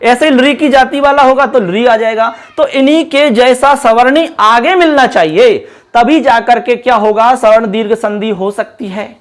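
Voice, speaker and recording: A man's voice: very high voice, moderate pace. Man teaching grammar step by step. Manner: explains step by step, repeating key terms; addresses viewers as friends. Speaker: Sanskrit teacher. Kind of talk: classroom lesson at a board.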